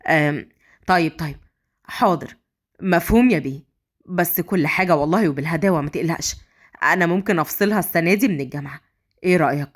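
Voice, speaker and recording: A woman's voice: fairly low pitch, expressive, fast, long pauses, voice pushed down. A woman voicing a nervous university dean who placates and defers. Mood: placating. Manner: hesitant, soothing, deferential.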